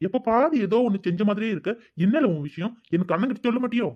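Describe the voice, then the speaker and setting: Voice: medium pitch, animated, fast talker, natural voice. A voice actor playing a protective, caring elder brother in a cartoon, coaxing and soothing. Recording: dull lo-fi recording.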